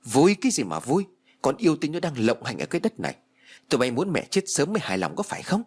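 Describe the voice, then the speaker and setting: A man voicing a harsh, domineering old mother-in-law who scolds and shouts in an audiobook. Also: mid-range voice, sing-song, fast, husky. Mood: furious scolding. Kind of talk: audiobook character voice.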